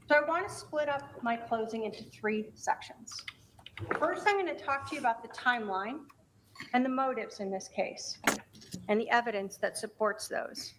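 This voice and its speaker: A woman prosecutor delivering an emphatic, deliberate closing argument in a courtroom, with pointed rhetorical phrasing. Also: a little high. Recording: noisy courtroom recording.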